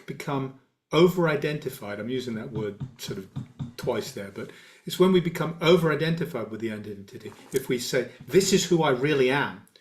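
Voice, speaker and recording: Meditation teacher, male, mid-pitched, reflective and measured, pauses often. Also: a little mellow. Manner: measured, reflective, halting with fillers. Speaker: guiding teacher of a meditation community. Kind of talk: dharma talk Q&A.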